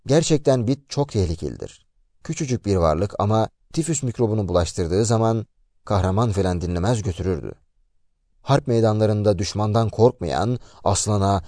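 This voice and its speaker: A man retelling a story aloud in a lively, expressive way. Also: fairly low pitch, no echo, studio quality. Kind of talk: narrated story summary.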